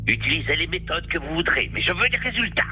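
Sharp, imperious villain boss. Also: male voice, mid-range voice, big pitch swings, moderate pace, lo-fi sound, faint music behind. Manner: pompous, commanding. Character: imperious, condescending rich male villain, greedy treasure hunter. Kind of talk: scripted audio drama acting.

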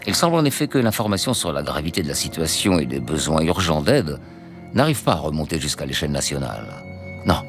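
A man narrating a news documentary in a measured, questioning scripted delivery. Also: deep voice. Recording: voice-over with music underneath.

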